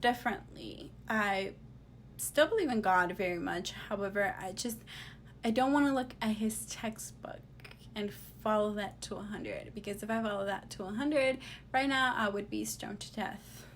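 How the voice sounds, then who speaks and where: A woman's voice: mid-range voice, moderate pace, slight background noise. A woman in her twenties chatting casually as she answers viewer questions, blunt, sassy and slangy with no filter. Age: 20s. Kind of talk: casual confessional Q&A chat.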